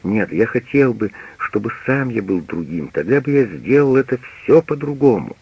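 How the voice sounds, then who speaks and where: A man's voice: mid-range voice, big pitch swings, normal speed, breathy edge, dry recording, full character voice. A man voicing a troubled young man who speaks with remorse and desperate urgency, on a dull radio recording. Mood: remorseful. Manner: pleading, anguished.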